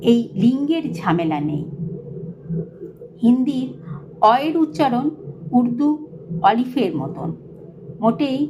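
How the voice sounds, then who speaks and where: A woman narrating a read-aloud essay in measured, phrase-by-phrase delivery with pointed emphasis. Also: high-pitched, background noise.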